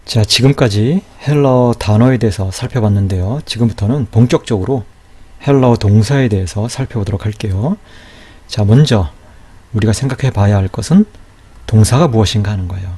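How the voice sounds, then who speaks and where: Husky patient male lecturer. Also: fairly quick, warm tone. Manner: patient, explanatory, often asks "right?" with rising pitch. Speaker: Greek grammar teacher. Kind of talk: recorded lecture.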